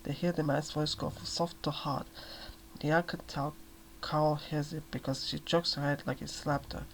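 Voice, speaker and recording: Soft-spoken man with a gravelly voice. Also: on the high side, level tone, normal speed, slight background noise, rough recording. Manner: gentle, hushed storytelling. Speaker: narrator. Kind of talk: soft-spoken ASMR reading.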